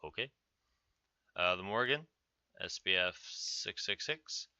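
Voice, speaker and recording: A man's voice: low-pitched, lively intonation, takes it slowly, bright, forceful tone, clean tone, dry recording. A man giving informal, offhand commentary on game patch notes as a video host. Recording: dull, narrow-band sound.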